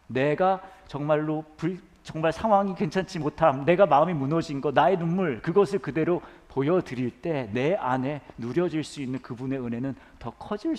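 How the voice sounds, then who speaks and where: A man's voice: medium pitch, darkish tone, in a large hall. A male pastor giving a conversational sermon to a congregation in a church, asking them questions.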